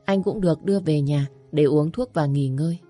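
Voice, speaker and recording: A woman narrating a dramatic story in a steady, scripted storytelling voice. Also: low voice, a little fast. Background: faint music.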